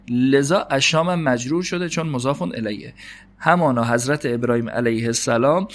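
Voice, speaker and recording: Man teaching Arabic grammar, question and answer. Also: mid-range voice. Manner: slows down to read Arabic text, then explains quickly in Persian; asks himself questions and answers them. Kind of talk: classroom lecture.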